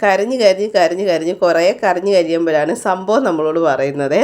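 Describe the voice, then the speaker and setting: A woman's voice: lowish voice, fairly quick, a little mellow. Chatty woman vlogger narrating her day. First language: Malayalam speaker. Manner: chatty, often adds "you know" tags. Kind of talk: casual voice-over narration of a home day.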